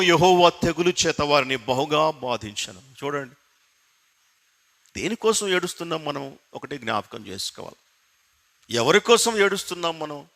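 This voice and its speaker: A man preaching a sermon with passion, swinging between loud emphatic cries and hushed low lines. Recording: long hall reverb.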